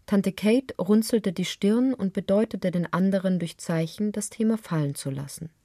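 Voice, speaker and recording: A woman narrating a literary story for radio in a calm, measured way. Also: medium pitch, no room sound, clean studio sound.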